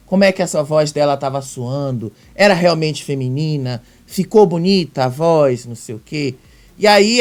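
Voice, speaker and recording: Chatty male gossip host, fairly high voice. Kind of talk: casual commentary.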